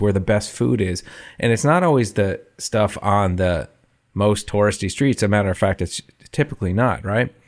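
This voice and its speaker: A man's voice: lowish voice, a little mellow. A man co-hosting a podcast in casual chat, rambling with restarts and frequent laughs. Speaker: podcast co-host.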